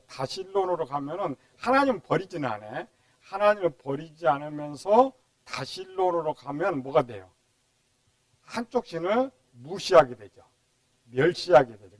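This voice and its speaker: A man's voice: fairly high pitch, no room sound, rough recording. A male pastor preaching a midweek sermon, asking rhetorical questions and mimicking complainers.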